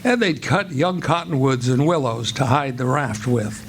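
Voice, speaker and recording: An actor narrates a radio play as an American man spinning a river tale, folksy and descriptive, setting the scene. His voice is medium in pitch and close to everyday speech, at a moderate pace with a little hiss or hum. It was recorded on a live stage with music playing behind.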